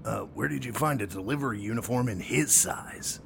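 An actor playing a dim, cheeky male henchman with a high squeaky voice. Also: a little fast, vocal fry, a bit bright, a little hiss or hum.

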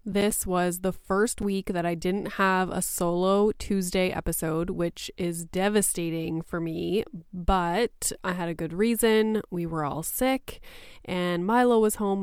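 A woman's voice: fairly low pitch, darkish tone, clear, resonant tone, dry recording, clean studio sound. A woman hosting a podcast in a casual, candid, chatty way, her voice a little stuffy and froggy from plugged sinuses after a cold. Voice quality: slightly congested, stuffy-nosed sound from a cold. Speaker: podcast host.

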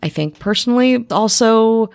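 A woman podcast host who narrates calmly and chats with guests, giving short agreeing replies. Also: on the high side, normal speed, creaky. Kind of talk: narration and interview chat.

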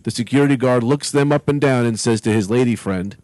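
A man's voice: medium pitch, fairly quick, darkish tone, no room sound. A man reading narration and chatting casually in slangy, informal language as part of a comedy table read. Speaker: script writer and reader at a comedy table read.

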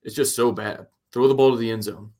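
A man's voice: medium pitch, fairly even intonation, a little fast, darkish tone. A man co-hosting a casual football show, giving blunt, opinionated analysis. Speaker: sports show co-host.

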